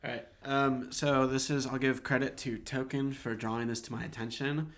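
A man's voice: medium pitch, flat delivery, moderate pace, a bit bright. A man in his twenties co-hosting a sports podcast, wry and pessimistic as he rattles off stats in casual chat. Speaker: podcast co-host.

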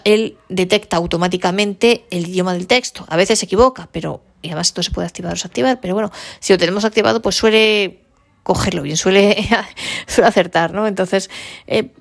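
A woman's voice: medium pitch, vocal fry. A woman giving a casual, chatty phone tutorial, thinking aloud as she explains. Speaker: tech instructor.

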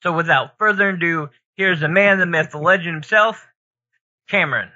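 Bright, forceful ringmaster-style male announcer. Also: fairly high pitch, normal speed. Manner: ringmaster-style showman announcing, stretched-out words. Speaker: podcast co-host. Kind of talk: theatrical show introduction. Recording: dull lo-fi audio.

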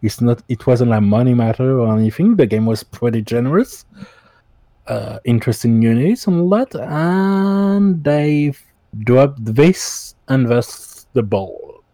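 A man co-hosting a casual gaming podcast, measured in speech and steering the discussion. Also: mid-range voice, lively intonation, dark tone, no echo. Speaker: podcast co-host.

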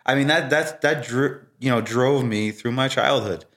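A man's voice: medium pitch, normal speed, a bit bright. A man talking casually and reflectively as an interview guest. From Brooklyn, New York.

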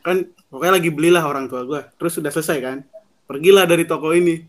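Young man, high-pitched, relaxed slangy storyteller. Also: fast. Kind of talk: casual storytelling chat.

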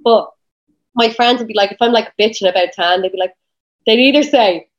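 An Irish woman in a casual chat as a guest, talking fast and loose with lots of "like" and plenty of swearing. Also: mid-range voice. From Ireland. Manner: rapid, chatty, peppered with swearing and "like". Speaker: guest, spray tan business owner.

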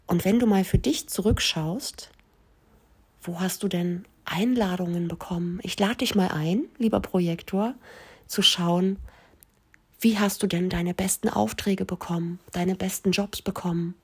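A woman coach talking earnestly and directly to her listeners in a podcast monologue, dropping at times to a breathy near-whisper. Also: lowish voice, fairly even intonation, measured pace.

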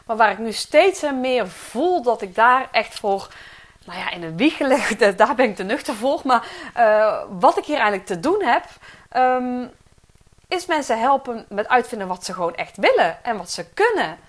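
A woman's voice: fairly high pitch, very animated, moderate pace. A middle-aged woman with a Dutch accent, a coach talking through a personal podcast monologue in an earnest, reflective way, with many fillers and restarts. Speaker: podcast host and career coach.

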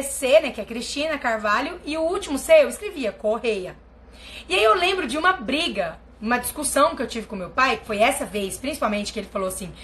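High-voiced animated Brazilian woman. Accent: Brazilian Portuguese. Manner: animated storytelling with big pitch swings. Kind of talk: casual live-stream talk to viewers.

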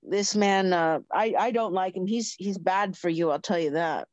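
A woman's voice: fairly low pitch, normal speed, darkish tone, no echo, lo-fi sound, natural voice. An insistent older man acted out by a woman in improvised story role-play. He rambles, repeats himself and goads in a folksy, old-fashioned way, recorded dry. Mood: grumbling, insistent. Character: pushy, gleeful older man playing matchmaker, old-fashioned.

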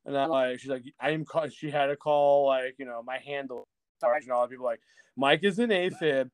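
A middle-aged man, guest on a podcast, tells a rambling, self-mocking story in a clean, echo-free recording, his mid-range voice darkish, level in tone and a little fast. He laughs, swears freely, restarts often and acts out what others said in this casual storytelling chat.

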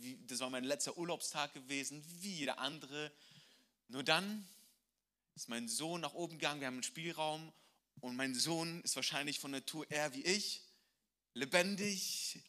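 A male pastor with a fairly high-pitched voice preaches a sermon, recounting a personal story with emotion as he shifts between loud passages and hushed ones.

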